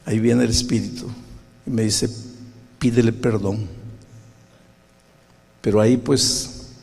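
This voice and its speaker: An older Peruvian-accented pastor tells a story from the pulpit in an animated, conversational way. His voice is gravelly and husky. It rings with a long hall reverb. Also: lowish voice, moderate pace. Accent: Peruvian Spanish. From Peru. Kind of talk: sermon.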